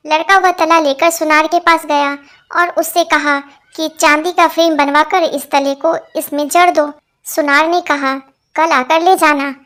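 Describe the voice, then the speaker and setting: Lady reading out jokes, high pitched, same voice for everyone. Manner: reads every part in one even voice. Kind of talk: scripted joke reading.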